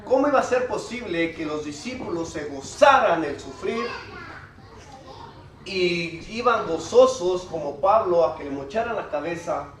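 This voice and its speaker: A man preaching a sermon, explaining scripture conversationally and reading Bible passages aloud to the congregation. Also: a little high. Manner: reads Bible passages aloud with rising emphasis. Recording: echoey hall from far off with congregation noise.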